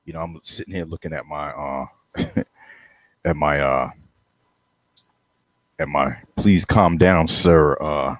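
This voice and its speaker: A man co-hosting a casual live show over a video call, easygoing and full of relaxed slang. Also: rumbling low, takes it slowly, pauses often, no room sound. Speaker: co-host. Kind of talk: casual chat.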